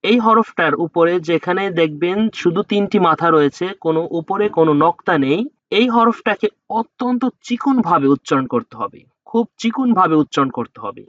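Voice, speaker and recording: A man's voice: sits high, fairly bright tone, no echo, highs cut off. A man teaching Quran pronunciation, patiently explaining how to shape each letter and sounding it out two or three times. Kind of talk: slow letter-by-letter pronunciation lesson.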